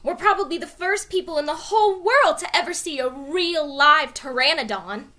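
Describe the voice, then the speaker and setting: Woman voicing a skeptical, bright-voiced bookish boy. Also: high-pitched, moderate pace, voice pushed up. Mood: studious, fascinated. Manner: exasperated, doubting. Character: cautious, bookish, skeptical young boy adventurer. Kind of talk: children's storybook character voice.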